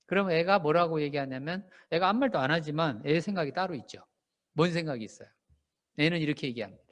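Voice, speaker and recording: Man, pastor, animated sermon delivery, quizzes the congregation, wide swooping pitch, church hall reverb. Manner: animated, asks the congregation questions and acts out shouted lines. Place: church sanctuary.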